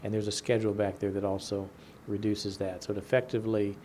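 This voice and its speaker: A man's voice: on the low side, little pitch movement, quick pace, dark tone. A man in the role of finance official, explaining things plainly and step by step in a meeting. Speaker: finance official presenting to a board. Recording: faint background noise in a meeting.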